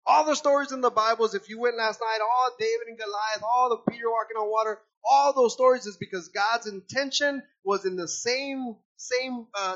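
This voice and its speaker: A man preaching to his church with a high, bright voice, turning animated and acting out little voices of the people he talks about. He keeps calling the congregation brothers and sisters. The recording sounds dull and lo-fi. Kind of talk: sermon. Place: church service.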